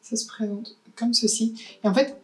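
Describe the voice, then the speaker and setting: A woman's voice: on the high side, fairly even intonation, normal speed, poor audio. Chatty woman unboxing beauty buys. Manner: chatty, frequent hesitations, thinking aloud. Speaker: beauty vlogger. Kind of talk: casual haul and unboxing chat.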